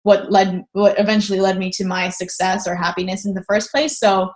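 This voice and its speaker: A woman's voice: mid-range voice, steady tone, fairly quick, a little mellow. A woman hosting an interview over a video call, reflective and thinking aloud as she talks. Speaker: host. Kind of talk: casual interview conversation.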